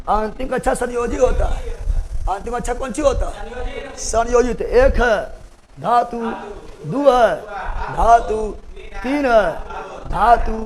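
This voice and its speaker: A man teaching chemistry in a classroom, speaking in a high voice. He drills his students with constant repeated questions and answers, slipping into joking colloquial asides between points. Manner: repeats key words and quizzes the class again and again; colloquial, joking asides in a regional Hindi dialect. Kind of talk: classroom lecture with call-and-response questions. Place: classroom, also streamed online.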